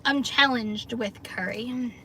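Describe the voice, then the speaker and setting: A woman's voice: on the high side, takes it slowly, bright, forceful tone, a little hiss or hum. A middle-aged woman from the New York area hosting a casual livestream from her parked car, chatting upbeat with viewers and laughing often. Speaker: livestream host, gig delivery driver. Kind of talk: casual livestream chat reading viewer comments.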